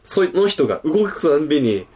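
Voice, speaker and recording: A man's voice: a little high, moderate pace, slightly rough. A young male comedian co-hosting a casual podcast. He tells stories with energy and acts out the sounds in them. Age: young adult. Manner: animated storyteller, acts out sounds and hushed quotes. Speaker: comedian co-host.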